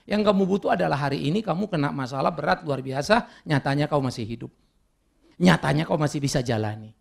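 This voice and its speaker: A male pastor preaching a sermon in an animated way. He slips English words into his talk and acts out the people he quotes. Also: on the high side, quick pace, gravelly.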